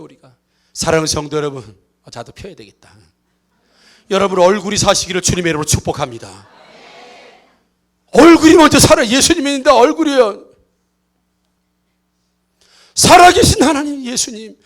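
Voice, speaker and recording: A man with a very high voice preaches from the pulpit of a church. His delivery is animated and playful, and he drops into other voices to act out characters. He keeps calling on the congregation to respond. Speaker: pastor. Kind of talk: lively Easter sermon with acted asides. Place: church sanctuary.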